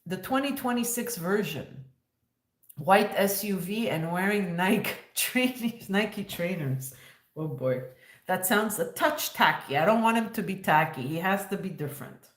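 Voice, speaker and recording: A woman's voice: mid-range voice, animated, unhurried, reverberant. A woman in her fifties hosting a casual livestream, joking and sarcastic, laughing often. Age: 50s. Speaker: livestream host.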